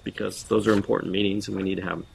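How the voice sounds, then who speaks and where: A man's voice: fairly low pitch, flat delivery, racing, vocal fry, darkish tone, a little hiss or hum, low-quality recording. A man chairing a board meeting, running through agenda items in a procedural way with frequent ums.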